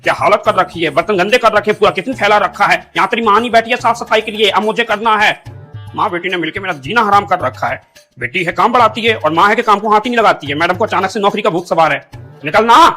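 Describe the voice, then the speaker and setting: A scolding, sharp-tongued grandmother in a comedy sketch. She snaps and nags in an ordinary mid-pitched voice. Faint music runs underneath. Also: fast.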